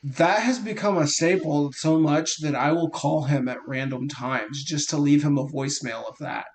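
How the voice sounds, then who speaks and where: Thirties guy on a podcast, telling funny stories, voice a bit on the high side. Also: normal speed. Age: 30s. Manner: lively storyteller who laughs at his own tales. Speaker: podcast co-host. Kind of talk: casual chat.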